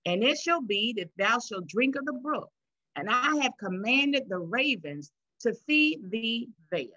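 Bright-voiced woman a sermon. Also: mid-range voice, dry recording, lo-fi sound. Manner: call-and-response preaching, stretches words for emphasis. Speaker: pastor. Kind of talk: sermon with scripture reading. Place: church sanctuary.

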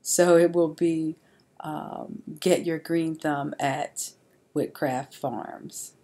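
A woman's voice: low-pitched, fairly even intonation, extremely slow, dark tone. A woman narrating a slide presentation in an informal way, with frequent fillers and restarts. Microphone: voice-over on slides.

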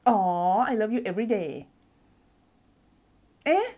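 Speaking very slowly, a woman with a medium-pitched, expressive, darkish voice leads an English grammar lesson on a live stream. She reads out viewer comments, stays chatty and playful, and laughs often, humming as she thinks aloud into a phone or desk streaming mic.

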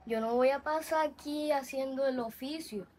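A woman's voice: high-pitched, normal speed, a little mellow, close to an everyday voice. A woman playing an upset daughter complaining about the nanny in an amateur skit. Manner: complaining, aggrieved. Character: upset daughter left with her baby brother.

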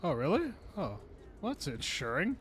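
A man's voice: a little high, huge pitch swings, normal speed, a bit bright, husky, faint music behind. A young man livestreaming a video game, chatting casually and joking as he reacts to the game. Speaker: livestream gamer.

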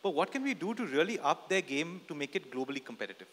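A man's voice: on the high side, sing-song, fast, fairly bright tone. A man in his forties with an Indian accent, answering at a press conference in English mixed with Hindi phrases. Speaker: TV channel executive on a press panel. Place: indoor stage at a press event. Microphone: handheld microphone. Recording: echoey hall over PA.

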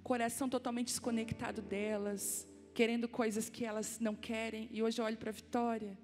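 A woman's voice: a little high, fairly quick. A woman, preaching a sermon as personal stories full of asides to the audience. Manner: storytelling, animated and personal, laughing asides to the audience. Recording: long hall reverb with soft music.

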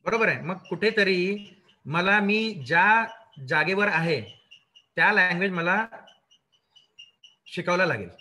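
Bright high-voiced man lecturing students. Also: slow pace, pauses often. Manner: lively, rhetorical questions, mixes English into Hindi. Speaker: career trainer.

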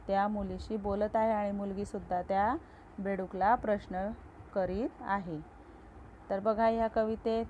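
A woman's voice: medium pitch, darkish tone. A woman teacher explaining a children's poem, asking the class questions and answering them herself. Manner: slow, patient, asks questions then answers them. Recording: slightly dull lo-fi recording with faint noise.

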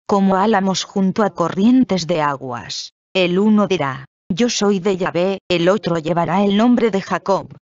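A reader giving a measured, solemn scripted reading of a Bible passage. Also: mid-range voice, dry recording, dull audio.

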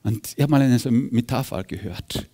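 A man preaching a sermon as pastor of a church, fervent, swinging from loud rises to hushed drops. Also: medium pitch, normal speed. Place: church service.

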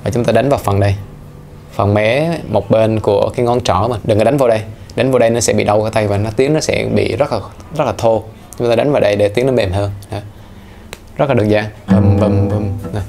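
A man's voice: on the low side, fast, vocal fry, a little mellow. A man teaching guitar in a casual, playful way, counting the beats aloud as he explains. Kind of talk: casual instructional talk. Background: guitar playing.

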